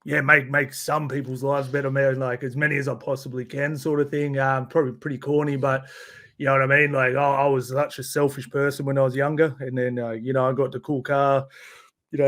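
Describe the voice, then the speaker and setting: A man's voice: mid-range voice, little pitch movement, fairly quick, fairly bright tone. A man with a broad New Zealand accent talking as a podcast guest in casual, slangy chat, often tagging phrases with "bro". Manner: laid-back, slangy, ends phrases with "bro".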